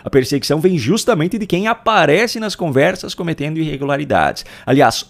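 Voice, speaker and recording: Casting: male Brazilian political video host, fairly high voice, deliberate and emphatic scripted delivery. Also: creaky.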